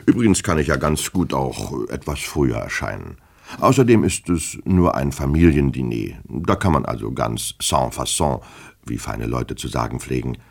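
A man's voice: a bass voice, animated, normal speed, creaky, darkish tone, breathy edge, exaggerated voice. A man reading the part of a pompous, touchy male official who speaks in stiff, self-important phrases. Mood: fretful musing.

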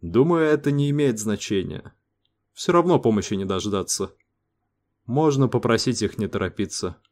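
A man's voice: fairly low pitch, animated, moderate pace, darkish tone, natural voice. A man voicing a detached, caustic male cosmonaut in an audiobook, talking with cold indifference. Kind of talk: audiobook character voice.

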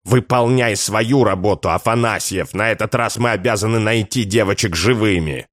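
A man's voice: on the low side, moderate pace, no echo, clean studio sound, pitched above the performer's own voice, close to an everyday voice. A man doing a barking, bossy police colonel. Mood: angry, commanding. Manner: barking, threatening orders. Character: gruff domineering male police lieutenant colonel, middle-aged.

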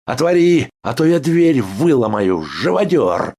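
A man voicing an enraged male asylum inmate who shouts in a hoarse, desperate voice. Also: deep voice, animated, extremely slow, exaggerated voice. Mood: outraged shouting. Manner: shouting, furious outbursts.

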